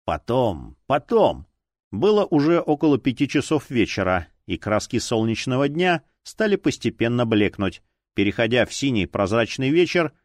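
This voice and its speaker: A man narrating a detective story in a measured, expressive reading. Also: mid-range voice, no room sound, studio quality. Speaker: audiobook narrator. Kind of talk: scripted narration.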